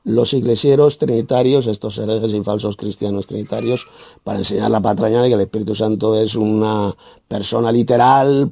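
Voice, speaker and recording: A man with a Spain Spanish accent preaching a verse-by-verse sermon, emphatic and scornful, with sudden loud, high bursts and a habit of tagging his points with "¿eh?". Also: creaky, no room sound. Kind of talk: sermon, verse-by-verse Bible exposition.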